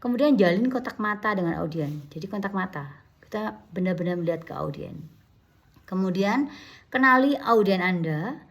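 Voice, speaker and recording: A woman's voice: medium pitch, expressive, moderate pace, gravelly. A middle-aged woman giving a recorded university lecture, listing her points in order and often correcting herself mid-word. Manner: lists points in order with frequent self-corrections.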